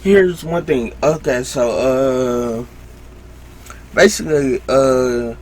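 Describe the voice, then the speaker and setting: Slow, drowsy young man rambling. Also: mid-range voice. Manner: loose, self-interrupting, lots of fillers; slow, drowsy late-night talk. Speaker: solo podcast host. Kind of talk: rambling casual monologue. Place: home at night.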